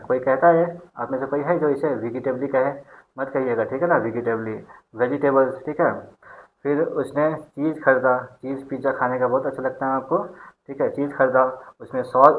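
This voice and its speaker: A man teaching an accountancy class, often checking in with his students and asking and answering his own questions. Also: medium pitch. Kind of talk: online class lecture. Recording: tinny phone-like sound.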